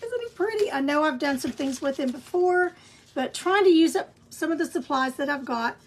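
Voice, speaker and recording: A woman with a scratchy voice leads a live-streamed craft painting tutorial, chatty and encouraging, and clears her throat along the way. Her voice sits high and is expressive, at a normal speed.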